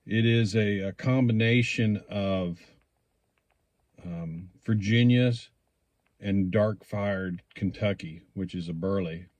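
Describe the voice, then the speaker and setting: A man giving a casual, rambling product review, speaking in a hesitant, unhurried way as he thinks aloud. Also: fairly low pitch, a little mellow, dry recording. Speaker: pipe tobacco reviewer.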